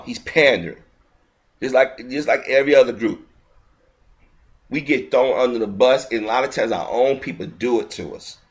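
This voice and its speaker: On camera, an indignant male video commentator rants in a mid-range voice. His delivery is heated and repetitive, and he keeps restarting his lines.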